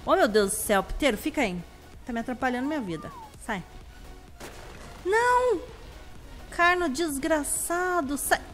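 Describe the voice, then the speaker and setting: A young woman with a Brazilian Portuguese accent, chatting casually through her own gameplay. Her voice is slightly hoarse, and she talks excitably with sudden high shrieks. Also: fast talker, soft background music. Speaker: gameplay video host. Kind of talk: casual let's-play commentary.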